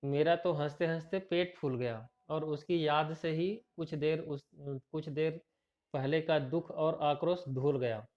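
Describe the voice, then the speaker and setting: A man's voice: on the high side, steady tone, measured pace. A male teacher reading a story aloud and explaining it, with frequent fillers and restarts. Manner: rambling with repeated fillers. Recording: dull lo-fi recording.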